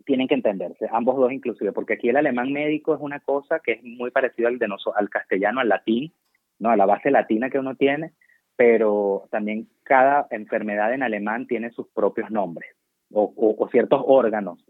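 A man's voice: medium pitch, brisk, no room sound. A man from Venezuela with a Venezuelan Spanish accent, chatting casually as a guest doctor in an interview, digressive and self-mocking. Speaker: guest doctor working abroad. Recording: tinny dry phone line.

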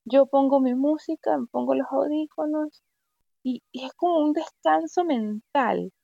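A woman from Venezuela with a Venezuelan accent, chatting casually as a guest and telling stories with lively asides. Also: high voice, a little slow, vocal fry, no echo, highs cut off. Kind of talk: casual conversation.

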